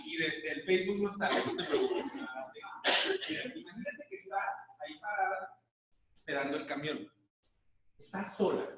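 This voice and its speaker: A man's voice: sits high, wildly swooping pitch, moderate pace, a loud crowd. A middle-aged man with a Mexican accent giving a live conference talk, telling jokey stories and checking in with the audience. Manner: joking storyteller who checks in with the audience. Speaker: lecturer on body language. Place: large echoey lecture hall. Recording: echoey hall, voice from far off.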